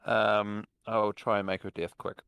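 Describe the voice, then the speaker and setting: Guy playing a tabletop rpg, lowish voice, casual game chat. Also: level tone, unhurried, vocal fry, fairly bright tone, smooth, no echo.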